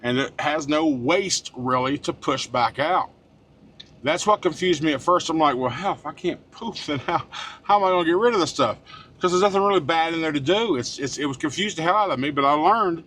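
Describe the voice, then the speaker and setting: A middle-aged man vlogging from inside his truck cab, talking to the camera in a loose, rambling way. His voice sits a bit higher than most men's, and he trips over restarts and fillers. He is blunt and swears casually. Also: fairly bright tone. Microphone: small handheld camera.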